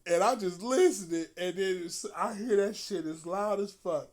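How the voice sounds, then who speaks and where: A man telling a profane story in a casual, animated way, often breaking into laughter. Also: high voice, moderate pace.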